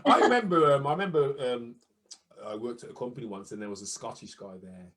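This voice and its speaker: A man hosts a relaxed chat with a guest, his voice rising and falling a lot as he jokes. He laughs often and keeps the talk moving. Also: mid-range voice. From England. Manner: jokey, animated, quick to laugh. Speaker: host. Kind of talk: casual interview chat.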